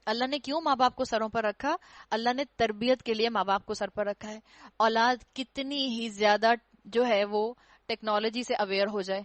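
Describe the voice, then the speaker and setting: A woman's voice: on the high side, steady tone, no room sound. Earnest woman giving a Quran lecture. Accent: Pakistani Urdu. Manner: earnest, admonishing, acts out children's retorts. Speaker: Quran teacher. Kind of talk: religious lecture to girls.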